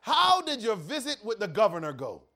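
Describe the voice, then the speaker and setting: A man voicing a cheerful male prison warden, excited and booming. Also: moderate pace, exaggerated voice. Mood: gleeful.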